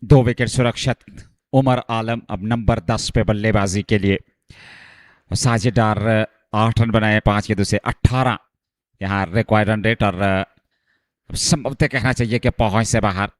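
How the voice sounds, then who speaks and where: A man commentating live on a cricket match, getting excited as the play heats up. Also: fairly low pitch, dry recording, clean studio sound.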